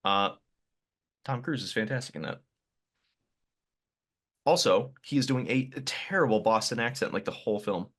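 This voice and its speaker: A man's voice: on the low side, normal speed, pauses often, fairly bright tone. A man hosting a podcast, chatting casually and rambling a little, with self-deprecating asides. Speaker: podcast host. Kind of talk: casual conversational interview.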